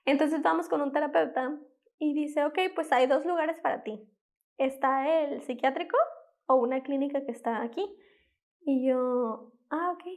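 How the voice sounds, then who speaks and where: A woman's voice: high-pitched, moderate pace. A woman in her twenties telling her own story as a former patient in an interview, acting out the quoted dialogue and talking with many fillers and self-corrections. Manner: lively retelling that acts out quoted dialogue. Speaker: former patient giving a testimony. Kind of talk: personal testimony in an interview.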